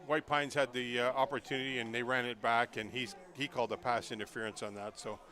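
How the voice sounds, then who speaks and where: A man's voice: mid-range voice, level tone, a little fast, pushed and bright. A man giving live color commentary from a stadium booth, opinionated and loose, with lots of fillers. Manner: chatty, opinionated, full of fillers. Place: press booth at an outdoor stadium.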